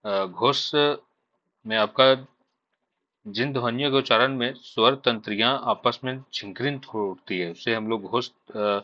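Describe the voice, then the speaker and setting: A man teaching an exam revision lesson, slowly listing letters one by one. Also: mid-range voice, bright, forceful tone. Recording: dull lo-fi sound.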